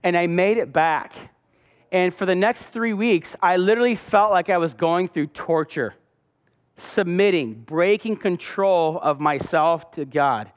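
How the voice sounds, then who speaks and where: A man's voice: high-pitched, measured pace. A man giving a sermon testimony, telling his story with passion. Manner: impassioned, storytelling. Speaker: pastor. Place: church hall. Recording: dull sound with long hall reverb.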